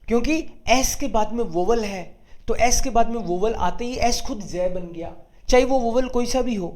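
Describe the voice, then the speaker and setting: Slow patient language teacher going over sounds again and again, kinda echoey room. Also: medium pitch. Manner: explains patiently, repeating sounds slowly. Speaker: German teacher. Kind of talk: online beginner language class.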